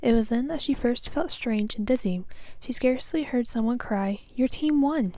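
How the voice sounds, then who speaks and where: A woman student reading a children's novel aloud in a careful, soft, breathy manner, with occasional small slips. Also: fairly high pitch, normal speed. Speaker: student reader.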